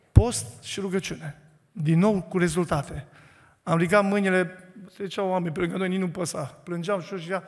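A Romanian man giving an earnest, emotional testimony sermon in church, building to fervent preaching. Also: sits high. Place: church hall. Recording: echoey church hall.

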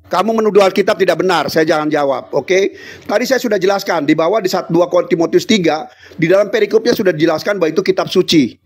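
A man debating heatedly on a video call, shouting and repeating himself over the other speakers. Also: high-pitched, fast talker, husky.

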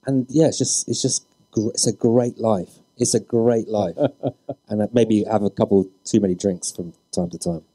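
A man's voice: fairly low pitch, steady tone, moderate pace, mellow, no echo. A man speaking as a DJ on a live panel, earnest and opinionated. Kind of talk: panel discussion.

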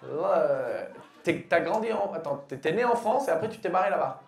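A man in his thirties doing stand-up crowd work on a comedy club stage with a handheld mic, teasing an audience member with loud punchlines and quick asides. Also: on the high side, lively intonation, creaky, reverberant. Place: comedy club stage, dark curtain backdrop. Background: audience laughing.

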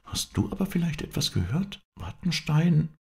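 A man reading aloud, raising his voice high to play a feverish, distraught noble lady who pleads insistently. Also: very animated, moderate pace, creaky, warm tone. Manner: pleading, agitated falsetto lift.

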